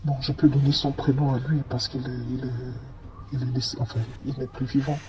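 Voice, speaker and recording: A man's voice: mid-range voice, level tone, normal speed, a little mellow, rough recording. A man telling a first-person story in a hesitant way, with many fillers and restarts. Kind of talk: first-person testimony narration.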